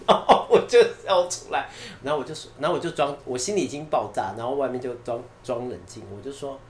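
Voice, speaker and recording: Fast-talking podcast guy, mid voice, goes quiet when he quotes people. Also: mid-range voice. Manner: fast, chatty, drops to a quiet aside when quoting. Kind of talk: casual chat, telling an anecdote.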